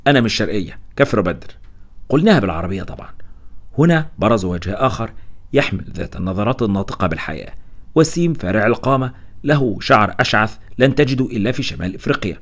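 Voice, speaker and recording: A man narrating a novel as an audiobook, telling it in a wry, storytelling way. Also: fairly low pitch.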